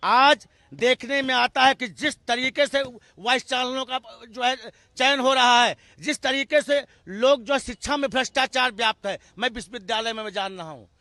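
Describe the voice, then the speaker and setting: Impassioned male party spokesman, bright forceful voice, piling up rhetorical lists. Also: extremely high pitch, moderate pace, no echo, studio quality. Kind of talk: heated TV debate argument.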